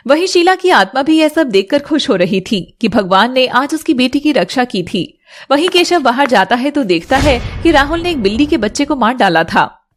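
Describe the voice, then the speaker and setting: A woman narrating a dramatized story in an expressive, dramatic way. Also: high voice, moderate pace.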